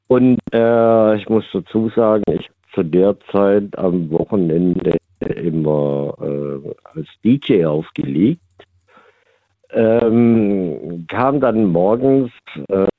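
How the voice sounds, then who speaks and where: A man calling in to a radio show over the phone, talking haltingly with many fillers. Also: lowish voice, creaky, no room sound. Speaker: caller. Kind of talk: call-in chat. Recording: tinny phone line.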